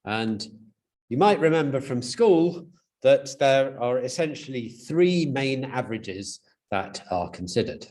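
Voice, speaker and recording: A man's voice: medium pitch, lively intonation, unhurried, darkish tone. A man giving a university lecture, explaining step by step, with frequent fillers and restarts.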